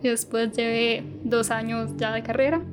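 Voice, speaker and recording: A young woman, a university student, talking calmly as a podcast guest. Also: fairly high pitch, moderate pace, over music. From Costa Rica. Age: young adult. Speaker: podcast guest, Mandarin teacher. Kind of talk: casual podcast chat.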